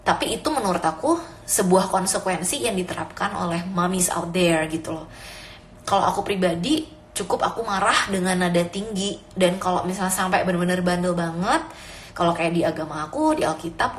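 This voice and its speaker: There's a little hiss or hum as a young mother, her voice on the low side, shares parenting advice at a moderate pace. She sounds casual yet earnest, switching freely between Indonesian and English in an echoey room with faint ambience.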